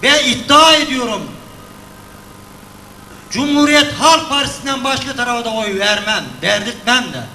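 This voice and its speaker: An older man speaks from a podium microphone in a large hall, his voice set high and very bright. He is aggrieved and emphatic and hammers his points again and again, and the room rings around him with a strong echo. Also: slight background noise. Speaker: retired teacher speaking at a party congress. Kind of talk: heated podium speech. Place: large congress hall indoors.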